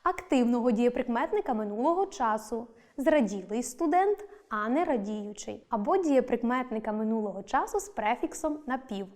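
A woman teacher reading a scripted lesson, clear and deliberate, stressing each example word. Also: a little high, animated, a little mellow.

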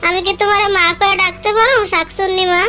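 A woman's voice: very high voice, fairly even intonation, fast talker, bright, forceful tone. A woman voicing a hungry, pleading little orphan village boy in a cartoon, childlike and plaintive. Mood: plaintive, attached. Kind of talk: cartoon voice acting. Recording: music behind the voice.

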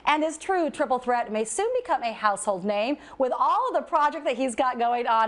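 A woman from Idaho hosts a live TV interview in a bright, high voice. She talks quickly and bubbles with jokes and laughter. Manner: bubbly, joking, laughs often. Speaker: TV news host.

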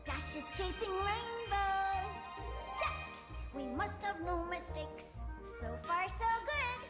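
A woman's voice: very high-pitched, expressive, takes it slowly, exaggerated voice. A woman voicing a sweet, cheerful young female pony in a children's cartoon, speaking in a gushing sing-song manner. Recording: roomy film audio under loud music.

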